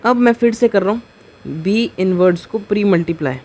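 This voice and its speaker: A man's voice: sits high, darkish tone. Patient man lecturing step by step. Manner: keeps asking rhetorical questions and checking with "ok?"; patient and step-by-step, slowing on key terms. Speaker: maths teacher. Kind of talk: board lecture explaining a proof.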